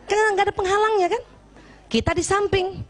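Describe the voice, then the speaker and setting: An Indonesian woman giving a lively religious lecture to women, playfully acting out husbands and wives as she talks. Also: very high voice, moderate pace, noisy background. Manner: lively, playful, often acts out husband and wife.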